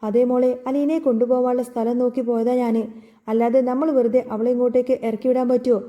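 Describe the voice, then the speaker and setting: A woman voicing a gentle, weary middle-aged father in a told family story. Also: fairly high pitch, level tone, fast, lo-fi sound, natural voice.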